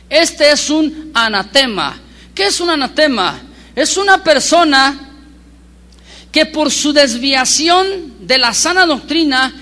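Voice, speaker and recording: A man preaching a sermon as pastor, telling stories with lively emphasis and asking the congregation rhetorical questions. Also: extremely high pitch. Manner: animated storyteller with rhetorical questions.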